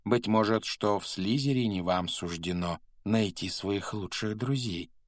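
An old, patched, wise magic hat, as a male narrator chants it, reciting its verses slowly and rhythmically in a low, dark voice. The storybook reading is dry and close. It keeps a steady, solemn lilt. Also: dry recording, natural voice. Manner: sung-spoken, slow and rhythmic.

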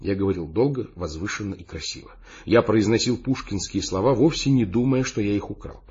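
Мужчина читает аудиокнигу от первого лица, живо и выразительно. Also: male voice, on the low side, a little fast, a little mellow, slightly rough, muffled recording. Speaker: audiobook narrator. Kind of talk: first-person audiobook narration.

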